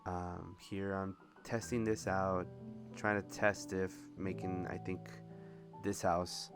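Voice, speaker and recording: Low-voiced man commenting on a video game. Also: little pitch movement, takes it slowly. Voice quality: rambling, laughs often. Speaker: gameplay commentator. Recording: voice over game music.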